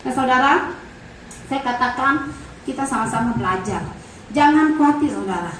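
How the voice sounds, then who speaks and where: Her voice high-pitched and her pace normal, a woman shares a chatty church testimony, vividly recounting family stories, playing out their conversations and often addressing the congregation directly. The mic sits far off in a large, very echoey church hall, picking up faint noise.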